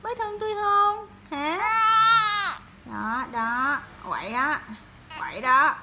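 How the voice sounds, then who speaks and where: A woman coos and coaxes her infant with sing-song baby talk. Her voice sits very high and sounds bright. A faint hiss of noise runs underneath. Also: very animated, slow pace. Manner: coaxing, cooing, sing-song questions. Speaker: mother.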